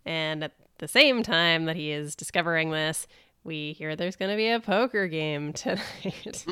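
Woman, podcast co-host; casual, laughs a lot, smooth tone. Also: deep voice, unhurried, bright, forceful tone, no room sound, clean studio sound. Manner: laughs often, upbeat recapping. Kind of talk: casual chat.

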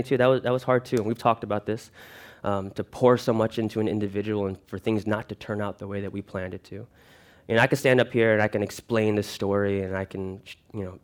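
A man speaking to a church congregation, giving an earnest personal testimony and telling animated stories. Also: on the low side.

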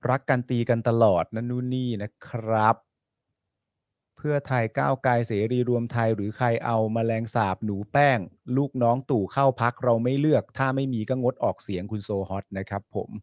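A man co-hosting a casual live stream, animated and teasing, reading out viewer comments and jumping into sudden excited bursts. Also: medium pitch, moderate pace, no echo. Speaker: co-host.

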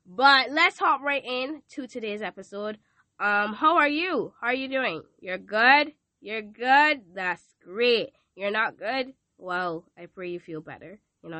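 Hosting a laid-back devotional podcast in a hot room cooled by a fan, this Barbadian teen sounds stuffed up from a cold. Her mid-range voice is bright and forceful at a measured pace, with no room sound, and she chats playfully while asking listeners questions.

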